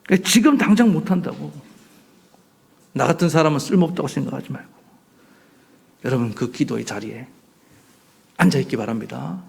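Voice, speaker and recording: A male pastor delivering a sermon, swinging between soft near-whispers and loud outbursts. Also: medium pitch, lively intonation, fairly quick, gravelly, long pauses.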